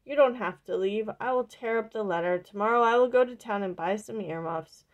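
A woman's voice: medium pitch, a little fast, muffled recording, close to an everyday voice. A woman doing a flustered old farm wife. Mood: soothing. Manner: exclaiming loudly in mild oaths. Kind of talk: reading a picture book aloud.

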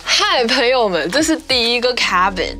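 Music plays in the background as a young woman vlogger, her voice on the high side and sing-song at a moderate pace, tours a rental house and the cabins in its wooded backyard. The vlog is casual, chatty and upbeat, and she slips English words in as she goes.

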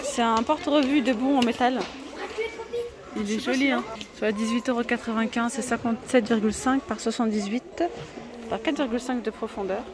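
A woman's voice: a little high, fairly even intonation, a little fast, noisy background. A woman vlogging in a discount store, chatty and enthusiastic, with lots of hesitations as she points out new items. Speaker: shopping vlogger. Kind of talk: casual store walkthrough. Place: inside a large discount store.

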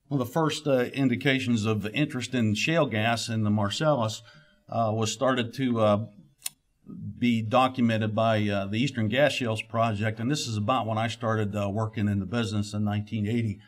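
A middle-aged man speaks at a conference podium into its microphone, with a slightly low voice. He is a geologist delivering a keynote, and he talks haltingly, full of "uh" fillers and restarted phrases. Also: steady tone.

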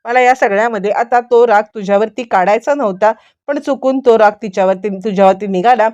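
Woman doing irritable young man, younger brother, raised, higher pitch. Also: a little fast, no echo, muffled recording, natural voice. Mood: apologetic. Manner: shouting, then apologetic.

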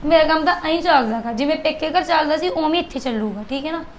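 An actress playing a defiant, spoiled new daughter-in-law in a short film, with a Punjabi accent and an argumentative manner. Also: female voice, high-pitched, fast talker, a little hiss or hum, close to an everyday voice. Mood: scornful. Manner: sharp-tongued, argumentative. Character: defiant, spoiled young newlywed woman.

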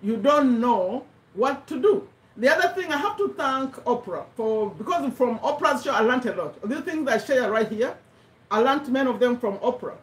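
A middle-aged woman from Uganda, English not her first language, giving an animated motivational talk and repeating her points for emphasis. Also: on the high side, moderate pace, recorded from a distance. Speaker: host of a live business talk. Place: home room with a bookshelf, indoors. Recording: echoey room, voice a little off-mic.

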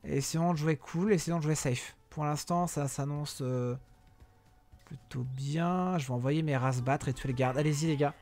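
A young man giving excitable live commentary on a mobile game, talking to his viewers and yelling at opponents. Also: a little high, moderate pace, faint music behind. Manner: excitable, shouts during fights, talks to viewers and enemies. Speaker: gaming YouTuber.

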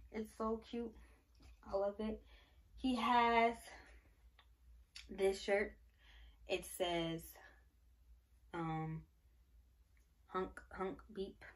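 A pregnant young woman chats casually to her camera. She gushes and rambles, filling pauses with fillers. Her voice sits at an ordinary pitch for a woman. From Michigan, United States. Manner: gushing, rambling, many fillers. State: pregnant, briefly out of breath. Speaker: vlogger. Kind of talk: casual baby haul show-and-tell.

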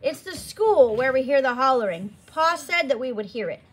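A woman reading aloud and voicing a cautious older pioneer girl who speaks low and carefully. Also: lively intonation, moderate pace, slightly rough. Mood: hushed.

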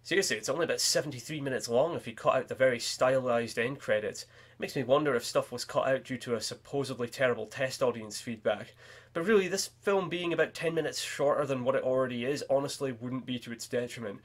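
A man's voice: medium pitch, fast. A man reading a scripted film review in a sardonic, wry manner.

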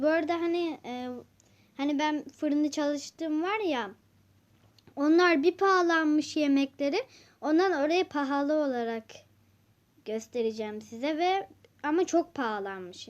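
A woman vlogger chats casually as she plays through a game, talking straight to her viewers. Her voice sits high. The recording is muffled and lo-fi. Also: darkish tone. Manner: chatty, addresses viewers directly. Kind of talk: casual game-play narration. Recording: dull lo-fi recording.

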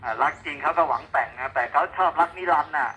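Bright, chatty man over walkie talkie. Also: fairly high pitch, fast talker. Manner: chatty, playful, teasing. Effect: voice over walkie-talkie radio. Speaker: amateur radio operator. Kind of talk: casual walkie-talkie radio chat. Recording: two-way radio with faint noise.

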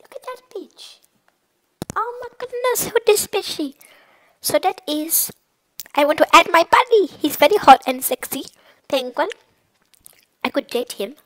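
A woman's voice: extremely high pitch, rough recording. A young woman giving crude, comedic commentary over a game, swearing constantly in a bratty manner. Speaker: gamer.

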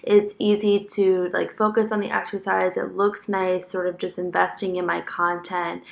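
A woman's voice: lowish voice, vocal fry, fairly bright tone. Chatty young woman vlogging to her phone. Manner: chatty, upbeat, talks straight to camera with many "like"s. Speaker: fitness vlogger. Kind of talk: casual vlog chat. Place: apartment and gym, indoors. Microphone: camera held at arm's length.

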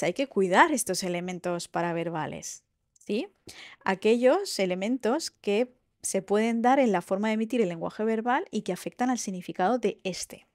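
A woman lecturer talks through a recorded university lesson in a lively way, often checking in with her students. Her voice sits at a middle pitch. The sound is close and dry, with no room echo. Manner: lively, explains with checks like "¿vale?" and "¿sí?".

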